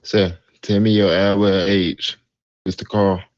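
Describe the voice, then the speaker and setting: A man's voice: sits low, level tone, a little slow, a little mellow, no room sound. Curt man barking orders on muffled chat. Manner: curt, repetitive commands. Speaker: police recruiter in roleplay. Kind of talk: roleplay game voice chat. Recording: muffled voice chat with faint noise.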